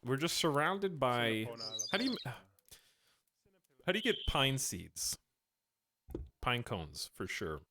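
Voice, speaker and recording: This man streams a building game, chatting casually with his chat and thinking aloud in a rambling way as he plays. His medium-pitched voice swoops wildly, and he talks slowly with frequent pauses, sounding pushed and bright. Game music plays behind him.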